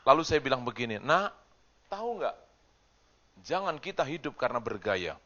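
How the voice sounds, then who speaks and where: Man preaching in swells, bright voice. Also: medium pitch, big pitch swings, moderate pace, highs cut off. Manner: swings between loud preaching and quiet storytelling; asks the congregation questions. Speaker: pastor. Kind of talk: sermon.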